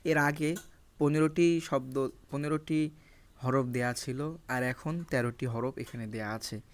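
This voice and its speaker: A man's voice: mid-range voice, steady tone, unhurried. A man whose first language is Bengali teaches an Arabic lesson, reading examples from a textbook and explaining each rule step by step.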